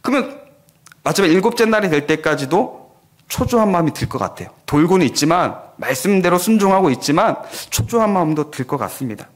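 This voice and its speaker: A man's voice: on the high side, brisk. A man preaching a sermon at a church prayer meeting. He tells a vivid story and acts out the voices of the people in it. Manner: animated storytelling, acting out quoted voices. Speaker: pastor.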